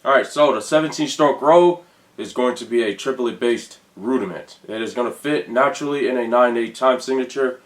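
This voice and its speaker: A man gives a drum lesson in a loose, casual way. He counts beats out loud at an even middle pitch. The sound bounces around an echoey room. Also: slight background noise. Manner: casual, counts beats slowly, uses fillers. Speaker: drum instructor. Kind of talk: counting aloud while demonstrating rudiments.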